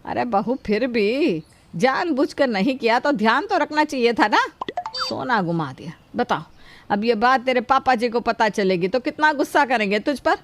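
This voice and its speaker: A woman voicing a protective, soft-hearted older mother-in-law in a cartoon, scolding gently and coaxing. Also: fairly high pitch, very animated, moderate pace, slight background noise. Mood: fond. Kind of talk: cartoon voice acting.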